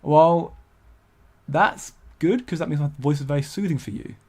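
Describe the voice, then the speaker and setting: Reading viewer comments aloud on his laid-back crypto livestream, a young man speaks at normal speed in a fairly high, darkish voice. His delivery is rambling and hesitant, with frequent restarts and plenty of laughter.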